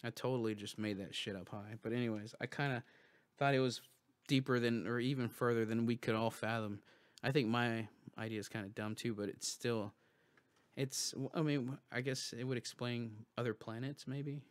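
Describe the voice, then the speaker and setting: With a medium-pitched voice and fairly even intonation, a man hosts a livestream at a moderate pace, thinking out loud in a casual, rambling monologue full of loose restarts and swearing. There's no echo.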